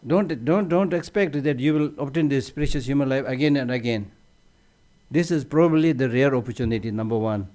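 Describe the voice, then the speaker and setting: Brief: male Buddhist teacher, mellow tone, chatty restarts, light humor. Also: medium pitch, brisk. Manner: conversational, repeats words as he restarts. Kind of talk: conference teaching talk.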